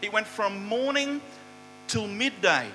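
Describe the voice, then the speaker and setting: A man preaching a sermon in a very bright, crisp-edged voice, retelling a story with lively quoted lines. His voice rings out with a long hall reverb, and a faint mains hum sits underneath. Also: sits high, takes it slowly.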